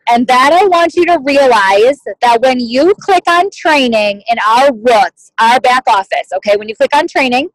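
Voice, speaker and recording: A woman leads a motivational sales team meeting over a video call, talking in a chatty, casual way full of "like" and "you guys." Her voice is high-pitched, her pace moderate with few pauses. The recording has no echo but is low in quality.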